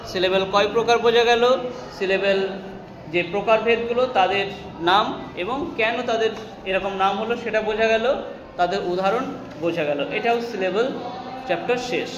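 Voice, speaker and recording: A male teacher with a Bengali accent giving an English grammar lesson in class. He explains slowly and keeps asking the students questions, then answers them himself. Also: sits high, highs cut off. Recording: echoey classroom with long reverb and faint noise.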